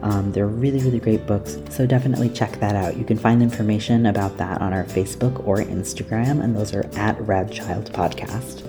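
A man hosting a podcast reads casual announcements in a chatty, rambling, self-deprecating way. He says he is recording at work, so his audio quality is low. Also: fairly even intonation, fairly quick, hardly any pauses. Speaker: podcast host. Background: guitar music.

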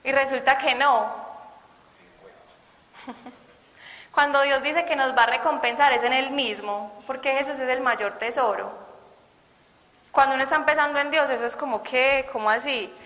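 A woman's voice: high voice, measured pace, pauses often, pushed and bright. A woman preaching an earnest sermon and asking her listeners questions. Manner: earnest, asks the audience questions. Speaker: lay preacher. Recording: long hall reverb.

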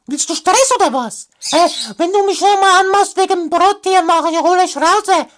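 A woman's voice: very high voice, moderate pace, voice pushed up. A woman voicing a rude, quarrelsome teenage girl who talks in brash street slang in a comic fairy tale parody. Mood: mouthy.

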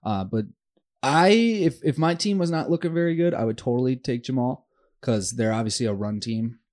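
A man's voice: mid-range voice, moderate pace, a little mellow, no echo, clean studio sound. Upbeat man hosting a sports podcast. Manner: upbeat, hyped, joking. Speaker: podcast host. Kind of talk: casual sports podcast chat.

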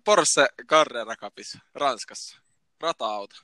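A man co-hosting a casual podcast chat over a remote call, relaxed and chatty with hesitant fillers. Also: mid-range voice, no echo, studio quality. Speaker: podcast co-host. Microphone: remote call recording.

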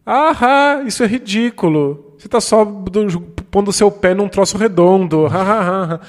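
A mocking heckler with a shrill, cackling voice pitched far above a normal speaking voice, jeering loudly from the sidelines, as a man puts him on. The sound carries a long reverb tail. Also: moderate pace, natural voice. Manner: mocking cackle, high and loud. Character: jeering adult male heckler mocking players.

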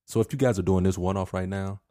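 Deep-voiced laid-back podcast host. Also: male voice, quick pace, noisy background. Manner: laid-back, laughs often, plugs the show. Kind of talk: casual chat.

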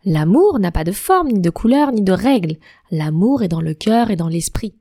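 A gruff but kind-hearted dragon from a fairy tale, scolding and lecturing an intruder, as a woman reads him. Dry, close sound with no room around it. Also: medium pitch, sing-song, normal speed, dark tone, no echo. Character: protective male dragon, gruff yet kind.

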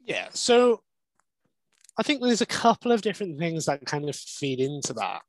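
A young man talks through dog behaviour and medication in a relaxed, candid way. His voice sits a little high for a man and sounds dry and close to the mic. He explains at length, with plenty of conversational asides. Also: normal speed, no room sound, low-quality recording. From Wales. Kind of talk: podcast interview.

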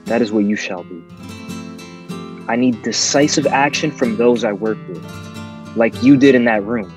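A man playing a menacing, philosophical crime lord in an audio drama, delivering deliberate, grand speeches. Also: medium pitch, music in the background, close to an everyday voice. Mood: solemn, commanding.

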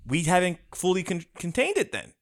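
A man co-hosting a casual chat, talking bluntly with heavy swearing and animated rants. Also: sits high, a little fast.

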